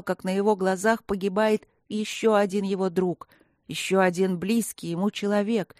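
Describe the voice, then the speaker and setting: A woman narrating a fantasy story in an expressive storytelling manner. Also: mid-range voice, no room sound, clean studio sound.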